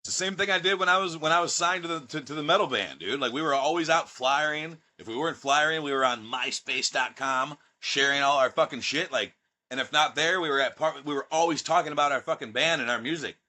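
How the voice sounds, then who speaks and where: Brash, boastful man in his thirties, swears freely, voice sits a bit high and bright. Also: fast talker. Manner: brash, profane and boastful, with mocking put-on voices. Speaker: guest, pro wrestler. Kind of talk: casual podcast chat.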